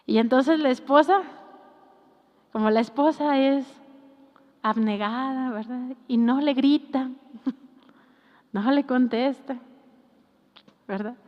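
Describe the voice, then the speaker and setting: Animated woman preaching in a hall. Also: sits high, takes it slowly, pauses often. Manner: animated preaching, acts out scolding voices. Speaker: pastor. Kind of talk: sermon. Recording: reverberant hall, dull lo-fi sound.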